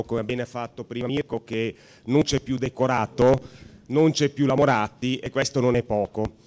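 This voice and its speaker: A man addresses a political assembly in a mid-range voice. He speaks in a measured, formal way and builds his points steadily. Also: medium pitch. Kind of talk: political speech.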